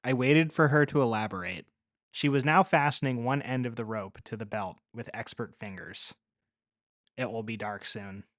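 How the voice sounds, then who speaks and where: A man narrating a story in the first person with a measured, even read. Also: medium pitch, no echo, clean studio sound.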